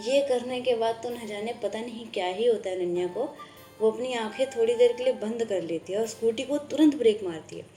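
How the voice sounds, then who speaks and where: A woman narrating a love story casually, slipping English words into her Hindi and stumbling over restarts. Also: on the high side. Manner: frequent stammered restarts. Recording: echoey room with soft music behind.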